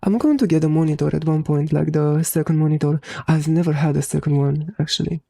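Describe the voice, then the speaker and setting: Hoarse, gravelly laid-back woman streamer. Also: low-pitched, brisk, mellow, no echo. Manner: laid-back, swears freely, answers chat. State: slightly hoarse. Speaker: game streamer. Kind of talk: casual live-stream chat.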